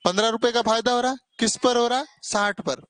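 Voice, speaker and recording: A man's voice: very high voice, steady tone, quick pace, a bit bright, dry recording. A man teaching maths to children in a classroom, coaxing and mildly scolding them as he works through problems. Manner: coaxing, mildly scolding, calls students "beta". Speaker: maths tutor.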